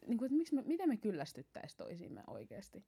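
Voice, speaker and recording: A woman's voice: medium pitch, huge pitch swings, vocal fry, warm tone, slightly rough. A young woman co-hosting a podcast with her twin, chatting casually and laughing often, dropping English phrases into her speech. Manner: giggly, mixes English phrases into Finnish. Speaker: podcast co-host. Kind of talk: casual chat.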